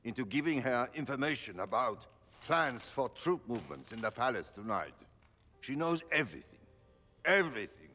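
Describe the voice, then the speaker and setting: A man's voice: medium pitch, sharp tone, slightly rough, full character voice. A man playing a flustered, humiliated conspirator in a video game, pleading dramatically, in heavy reverb. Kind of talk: video game dialogue acting. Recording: long hall reverb.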